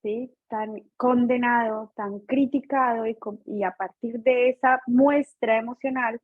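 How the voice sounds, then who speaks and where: Woman, earnest, explanatory, higher voice, tinny call audio. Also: steady tone, unhurried, dry recording. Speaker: participant. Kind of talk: video call sharing.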